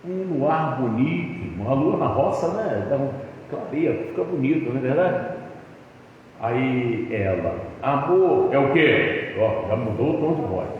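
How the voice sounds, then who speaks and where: A man's voice: mid-range voice, lively intonation, unhurried, slight background noise. A man preaching a sermon as pastor, telling folksy stories about married life and calling listeners brother. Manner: folksy storytelling, acting out couples' dialogue; addresses congregation as "irmão". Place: church hall. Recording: echoey hall, distant mic, dull sound.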